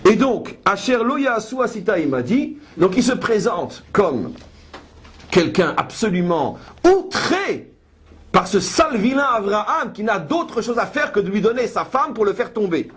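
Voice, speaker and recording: A woman with a husky, breathy voice leads a Torah study lesson. She reads each Hebrew verse and then explains it. Her commentary is pointed and ironic. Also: mid-range voice, big pitch swings, measured pace. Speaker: Bible teacher.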